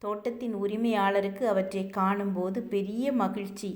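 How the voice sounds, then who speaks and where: A woman's voice: mid-range voice, fairly even intonation, moderate pace, darkish tone, reverberant. Earnest woman telling a devotional story.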